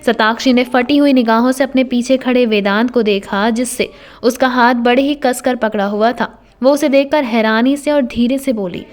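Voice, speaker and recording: A woman's voice: a little high, fairly even intonation, normal speed. A woman narrating a scripted romantic drama story in a dramatic, emphatic way.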